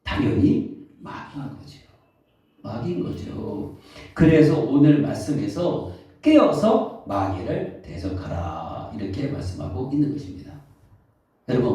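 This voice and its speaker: A man preaching a sermon as pastor, questioning the congregation and answering himself, reading scripture slowly. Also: a little high, dark tone. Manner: reads scripture slowly and deliberately. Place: church sanctuary. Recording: echoey hall, distant, dull mic.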